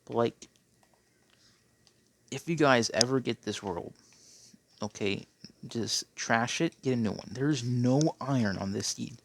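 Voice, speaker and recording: Speaking slowly and pausing often, a man with a mid-range voice gives loose, rambling commentary on his Minecraft game over a slight hiss or hum. He clears his phlegmy throat again and again and keeps tacking on "okay?".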